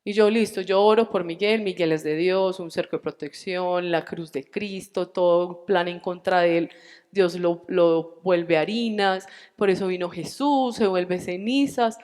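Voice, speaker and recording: Recounting her personal testimony of faith at a church retreat, a Colombian woman in her forties acts out the dialogue with animation. Her lowish voice is unhurried and clean in tone, with a big-room sound.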